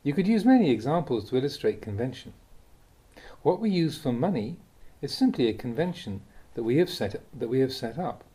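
A monk with a husky voice reads a Buddhist Dhamma talk aloud, calm and deliberate, lifting his pitch in a lively way on the key words.

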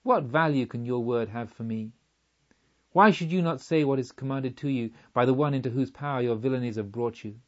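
A man's voice: mid-range voice, brisk, highs cut off, natural voice. A man voicing a young noblewoman who speaks with desperate defiance, accusing a robber. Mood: defiant. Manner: pleading and accusing.

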